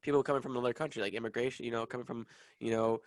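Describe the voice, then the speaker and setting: A young man with a mid-pitched voice hosts a podcast in an upbeat, halting way, restarting sentences and filling gaps with "uh" and "you know". The recording is dry and close. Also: steady tone, dry recording. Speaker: podcast host. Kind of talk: casual interview chat.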